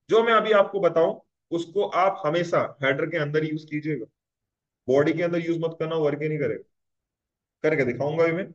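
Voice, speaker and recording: A man teaching a casual web development tutorial, talking conversationally and often checking "clear?" with his students. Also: high voice, fairly bright tone, muffled recording.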